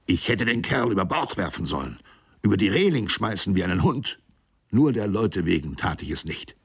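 A man voicing a feverish, raving old ship's mate who mocks and rants, his voice gravelly and breaking into shrill shrieks. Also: big pitch swings, moderate pace, dry recording, studio quality, exaggerated voice. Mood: scornful. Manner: mocking, ranting, voice cracks into shrieks.

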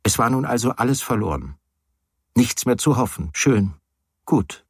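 Husky-voiced man narrating a novel. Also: mid-range voice, lively intonation, unhurried, dry recording, studio quality. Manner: wry, hesitant first-person storytelling with quiet, voiced dialogue. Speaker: audiobook reader. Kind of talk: literary audiobook narration.

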